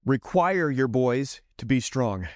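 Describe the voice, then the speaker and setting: A man's voice: mid-range voice, animated, slow pace, no echo, studio quality. A middle-aged man talking to other parents in a casual teaching style, earnest and rambling, often stopping to correct himself.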